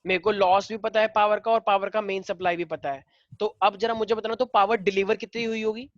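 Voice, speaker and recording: A man's voice: sits high, level tone, fairly quick, no echo, muffled recording. Hindi-teacher man quizzing his class. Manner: mixes Hindi and English, drills students with questions. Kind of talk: online class problem-solving.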